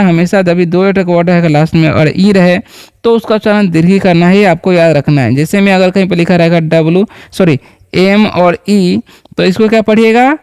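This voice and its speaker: A man teaches simple English words to learners in Hindi. His voice sits high and sounds smooth and clear. He checks understanding often and repeats each word patiently, recorded close and dry. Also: a little mellow, no echo. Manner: patient, repeats words and asks the viewer questions. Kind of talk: spoken English lesson in Hindi.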